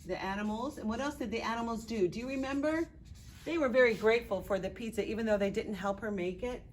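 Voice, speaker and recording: A woman teaching an online lesson for young children, talking gently and asking simple questions as she draws. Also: fairly high pitch, a little hiss or hum. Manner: gentle, slow, questioning while drawing.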